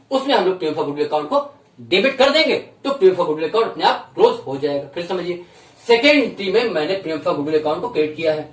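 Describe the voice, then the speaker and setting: A man with a high voice teaches an accountancy lesson, speaking a little way off the mic. His words ring in a roomy echo as he explains each step and repeats it. He poses questions aloud and slows down to dictate figures. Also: distant mic. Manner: slows right down when dictating entries and figures. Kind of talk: recorded classroom lesson.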